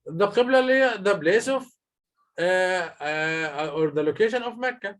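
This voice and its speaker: Unhurried male teacher, slightly high voice. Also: lively intonation, a bit bright. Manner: patient, explains step by step with frequent hesitations. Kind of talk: classroom lesson, questions and answers. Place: classroom with students.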